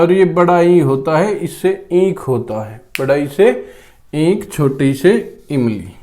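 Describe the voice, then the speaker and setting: A man's voice: on the high side, a little mellow. A male English teacher with a sore throat, giving a spoken lesson to students and repeating each word several times. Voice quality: clears throat often.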